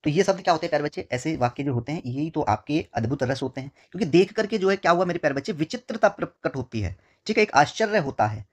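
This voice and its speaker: A male teacher giving an exam-prep lesson, repeating key words slowly and often calling his students his dear children. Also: on the high side, lively intonation.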